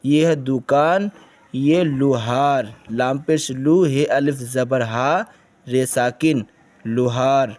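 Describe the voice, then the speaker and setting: A man teaching beginners to read, sounding out each letter and repeating every word several times in a slow, patient way. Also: medium pitch, a little mellow. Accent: Indian Urdu. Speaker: Urdu reading teacher. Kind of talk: spelling out words for beginners.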